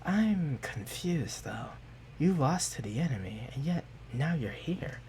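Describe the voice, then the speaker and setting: A man voicing Zinnia, a weary goddess over a thousand years old who talks in a calm, drawling and sometimes hushed way. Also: deep voice, a little slow, slight background noise, pitched above the performer's own voice. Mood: languid. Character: ancient weary goddess woman, lofty and dry.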